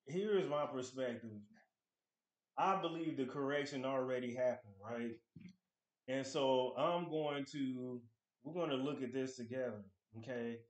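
A man's voice: mid-range voice, steady tone, a little slow. A man in his thirties, host of a finance channel, talking casually to camera at his desk at home, reading article excerpts aloud and commenting on them. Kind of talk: casual stock analysis talk to camera. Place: small room at home. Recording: echoey room.

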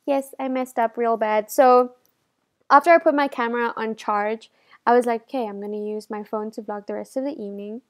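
A woman's voice: on the high side, fairly even intonation, a little fast. A woman in her twenties talking casually to camera in a vlog, chatty and self-deprecating, recorded on a phone with an earphone mic in a living room. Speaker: vlogger. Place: indoor living room at night.

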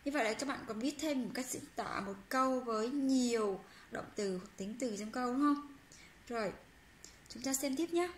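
A woman teaching a language lesson, patiently repeating phrases slowly for learners and reading example sentences quickly. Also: fairly high pitch. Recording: roomy with faint background hum.

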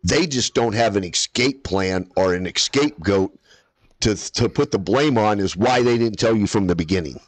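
A man chatting casually with gaming friends, animated, swearing freely and laughing often. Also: lowish voice, moderate pace, no room sound.

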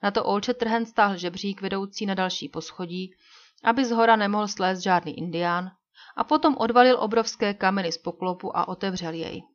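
A woman reading an adventure audiobook aloud with steady storytelling delivery. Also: mid-range voice, muffled recording. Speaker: audiobook reader. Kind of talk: audiobook narration.

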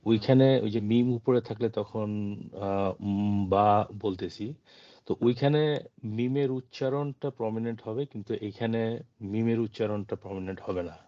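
A man in an online class asks a polite, halting question about a recitation rule. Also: on the low side, no echo. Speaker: student in class. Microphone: video call. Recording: muffled lo-fi video call audio.

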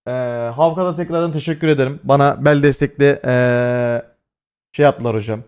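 A man's voice: medium pitch, steady tone, a little fast, a little mellow, clear, resonant tone. A young man livestreaming, chatting casually and swearing as he talks straight to his chat at a desk microphone. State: voice strained after hoarseness. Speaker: streamer.

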